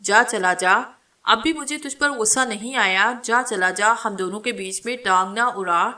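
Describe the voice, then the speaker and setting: A woman reading the lines of a vengeful female witch spirit in a dramatic story, taunting and giving rough commands. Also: medium pitch, pushed and bright, close to an everyday voice. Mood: scornful.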